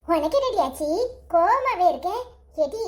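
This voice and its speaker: Woman voicing a cartoon village mother, older, fretful, scolding, very high-pitched. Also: sing-song, measured pace, full character voice. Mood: fussing. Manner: scolding, fussy village talk. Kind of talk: cartoon story voice acting.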